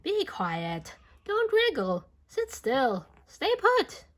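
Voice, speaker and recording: A woman's voice: sits high, wildly swooping pitch, extremely slow, pitched above the performer's own voice, heavily acted. A woman voicing bossy stay-at-home snails in a children's storybook, scolding in clipped commands.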